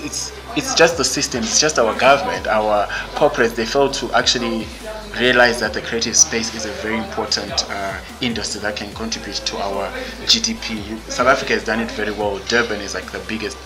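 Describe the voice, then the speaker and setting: A podcast guest with a Zimbabwean English accent speaks in a fairly low, steady voice at a fairly quick pace, with music in the background. Outspoken and blunt, he thinks aloud in this candid interview conversation, using many fillers and restarting his sentences often.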